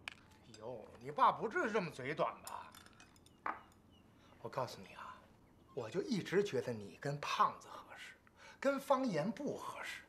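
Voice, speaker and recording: A woman's voice: deep voice, huge pitch swings, measured pace, long pauses, background noise, heavily acted. An actress playing a meddling middle-aged mother who nags and scolds her daughter in a TV drama. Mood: insistent. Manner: nagging, scolding. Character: meddling middle-aged mother, fond of another son-in-law. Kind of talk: TV drama acting. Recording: TV drama with faint music.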